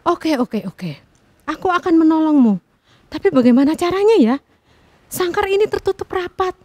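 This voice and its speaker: A small, humble sparrow from a children's story, speaking softly, meekly and near tears, as a woman storyteller puts it on. The voice is a little raised and lively in pitch. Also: moderate pace, dry recording. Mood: unsure. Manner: soft, meek, tearful.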